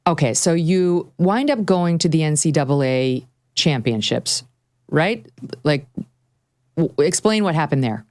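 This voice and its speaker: Low-voiced woman host, brisk and direct. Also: expressive, darkish tone, no echo. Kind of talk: interview and read ads.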